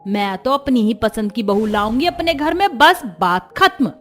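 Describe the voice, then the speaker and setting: A woman voices a proud, headstrong middle-aged mother who scolds and insists on her own way. The voice sits fairly high and firm in this cartoon story. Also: animated, normal speed, fairly bright tone, soft background music. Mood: stubborn.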